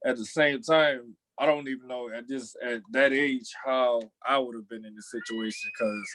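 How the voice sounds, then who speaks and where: A man's voice: mid-range voice, fairly even intonation, moderate pace, a bit bright, dry recording, poor audio. A young man, a former college athlete, talking thoughtfully in a panel discussion, often restarting his sentences.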